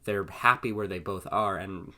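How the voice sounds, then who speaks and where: A man's voice: low voice, normal speed, bright, forceful tone. A young man reading fan fiction aloud and commenting on it in a rambling, exasperated way. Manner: rambling, exasperated, filler-heavy. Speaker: video host reading fanfiction.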